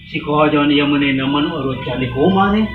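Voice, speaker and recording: A man's voice: on the high side, fairly quick, phone-quality sound, faint music behind, lightly acted. A man with a Sundanese accent playing an angry, impatient, scolding boss in an amateur comedy sketch. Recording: echoey room with clear background noise.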